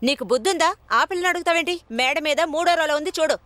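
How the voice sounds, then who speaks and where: A woman's voice: very high-pitched, fast, fairly bright tone, no echo. An actress playing a bossy woman shop owner in a film, who gives orders and scolds her staff. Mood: scolding. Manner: scolding, commanding. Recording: film soundtrack with background score.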